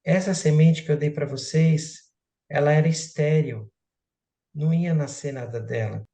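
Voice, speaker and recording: A man's voice: a little high, measured pace, mellow. A man voicing a wise, kindly old king as he tells a story. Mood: calm. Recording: roomy echoey room.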